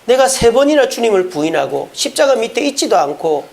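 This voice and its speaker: A man's voice: very high voice, sing-song, brisk, creaky, a little mellow, voice pushed up, exaggerated voice. A man in a sermon voicing a remorseful grown apostle who pleads and reproaches himself. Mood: pleading.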